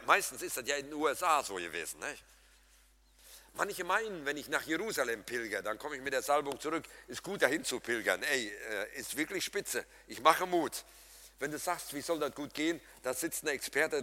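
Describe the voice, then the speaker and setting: A man preaches a sermon with a bright, forceful voice, chatting directly with his congregation. He moves between loud emphatic lines and hushed ones. His voice carries a long reverberant tail from a church hall. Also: mid-range voice. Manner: lively, humorous, addresses congregation directly; swings between loud emphatic and soft quiet passages.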